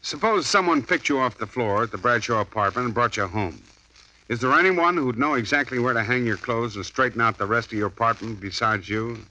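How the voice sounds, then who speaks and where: A man's voice: medium pitch, animated, brisk, sharp tone. A man playing a wry, sardonic hard-boiled private detective who narrates in an old radio drama. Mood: tough. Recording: dull old radio broadcast with music.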